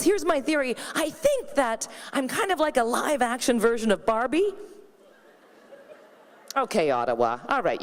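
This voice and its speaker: A Canadian woman doing a brash, quick-fire stand-up comedy set on an arena stage, always tossing in "right?". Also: sits high. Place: large arena stage before a packed audience.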